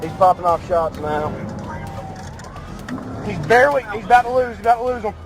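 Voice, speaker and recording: A man's voice: high voice, animated, brisk, music in the background. A man, a police officer in a pursuit, making clipped urgent calls over a police radio.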